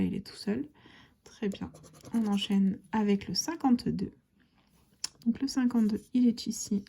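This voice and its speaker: A woman hosts a casual video, scratching lottery tickets and chatting to viewers as friends, calling them "les copains." Her medium-pitched voice is warm with a breathy edge. At times she drops to a half-whisper.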